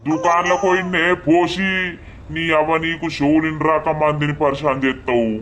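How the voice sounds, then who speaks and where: A man's voice: fairly high pitch, little pitch movement, moderate pace, a bit bright, a little hiss or hum, natural voice. A man voicing a grumpy village man in a cartoon, muttering complaints and repeating himself. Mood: annoyed.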